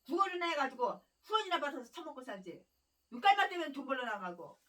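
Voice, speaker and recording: A woman pastor's sermon turns fiery and scolding, hammering repeated phrases and breaking into harsh, insulting, angry rants. She speaks fast in a high-pitched, fairly bright voice with big pitch swings, recorded far from the mic.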